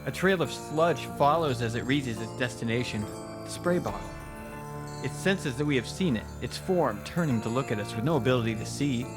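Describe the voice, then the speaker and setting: A man giving a dramatic, scripted first-person narration of a horror story, with deliberate pauses. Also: medium pitch, lively intonation. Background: music.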